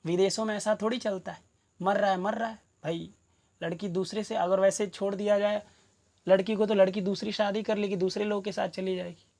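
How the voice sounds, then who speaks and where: A woman teaching a Sanskrit play, reading each verse slowly and then explaining it in plain talk, often asking rhetorical questions. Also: medium pitch, steady tone, a little mellow.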